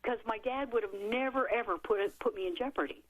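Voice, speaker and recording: Animated woman telling a childhood story. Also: a little high, fast talker, rough recording. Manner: lively, animated storyteller who acts out quotes. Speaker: author and guest. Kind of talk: storytelling in a talk radio interview.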